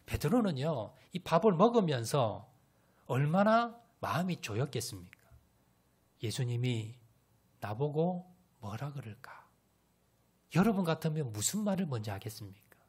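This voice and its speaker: A man preaching a sermon as a pastor, telling a Bible story with animated storytelling and questions to the congregation. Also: fairly high pitch, measured pace, long pauses, slightly rough.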